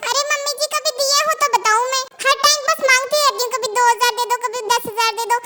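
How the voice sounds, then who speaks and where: Brief: dubber playing a cheeky, argumentative young bride, very high chipmunk pitch, loud music beneath. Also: fast talker. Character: sassy demanding young daughter-in-law. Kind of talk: comedic Hindi fan dub. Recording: loud music bed over voice.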